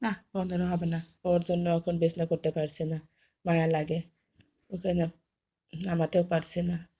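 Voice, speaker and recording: A woman's voice: lowish voice, level tone, unhurried, warm tone. A woman vlogger talking to camera while coaxing and scolding her cat to get off the bed. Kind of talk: casual chat to camera.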